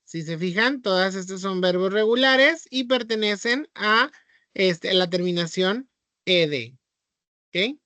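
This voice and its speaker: Slow, patient Mexican teacher. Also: male voice, high voice, sharp tone, dry recording. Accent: Mexican Spanish. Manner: patient, explanatory, checks with frequent "¿sí?". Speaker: English teacher. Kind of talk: online class review.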